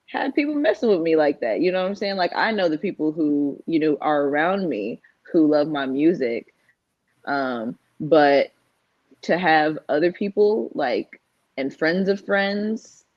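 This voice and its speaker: A woman's voice: sits low, dry recording. A woman chatting loosely as a musician guest, full of fillers, heard over a video call. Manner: loose, conversational, many fillers. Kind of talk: casual interview chat. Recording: dry, muffled lo-fi call audio.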